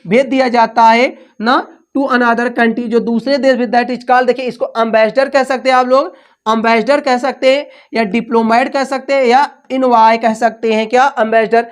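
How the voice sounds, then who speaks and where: Running an English vocabulary class for exam preparation, a female teacher with a slightly high voice mixes Hindi and English at will. Each word gets a call-and-response drill in which she asks over and over, then supplies the answer herself.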